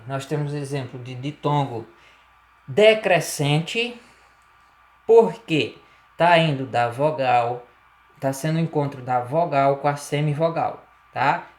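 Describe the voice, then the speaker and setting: A man with a Brazilian Portuguese accent teaching a grammar lesson, explaining step by step and asking rhetorical questions. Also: mid-range voice. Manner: slow, deliberate explaining, frequent rhetorical questions and "tá?". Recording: echoey room.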